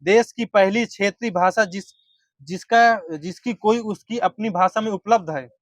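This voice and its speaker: A man teaching a class, firing quiz questions at students and briskly confirming or correcting their answers. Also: high voice, no room sound.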